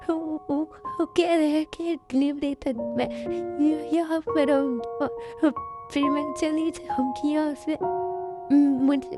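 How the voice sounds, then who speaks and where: A woman's voice: high-pitched, lightly acted. A woman voicing a young pregnant lover who pleads and stammers through tears, in a fan dub. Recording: music in background.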